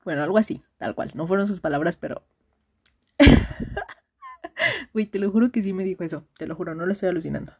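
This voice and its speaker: A woman's voice: lowish voice, rapid-fire, few pauses, dark tone, husky. A young woman with a Mexican accent, telling a friend a long personal story in a casual, slangy, rambling voice message. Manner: rambling, slangy, frequent restarts and fillers.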